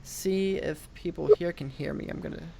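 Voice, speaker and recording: A man talking casually over an online voice call, halting and restarting his words while the audio cuts in and out. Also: on the high side, steady tone, vocal fry, a crowd in the background. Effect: choppy call audio cutting in and out. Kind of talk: casual chat.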